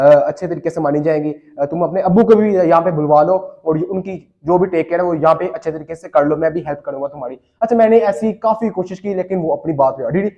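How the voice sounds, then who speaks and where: Man, high voice, rambling comic storyteller who acts out both sides of the dialogue. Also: dark tone, muffled recording. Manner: rambling, repeats phrases and fillers, acts out dialogue.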